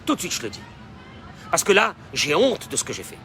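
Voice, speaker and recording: A man preaching a sermon as a rabbi, dropping in Hebrew phrases and swinging from quiet talk to shouting. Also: a little high, huge pitch swings, a little fast, a faint crowd, a little hiss or hum. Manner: mixes Hebrew phrases into his speech.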